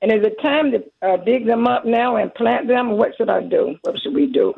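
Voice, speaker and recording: A woman calls in to a radio show over the phone, and her voice comes through narrow and tinny. It sounds husky and gravelly. She asks her question politely and answers in short, agreeable replies. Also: on the high side, moderate pace. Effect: phone call on a radio show. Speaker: caller. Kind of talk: phoning in a gardening question.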